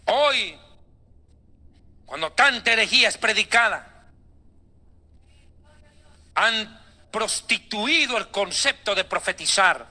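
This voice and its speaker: A male preacher delivers a dramatic, sarcastic sermon. His voice sits high and rings with a very bright, forceful edge. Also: expressive, slow pace, long pauses.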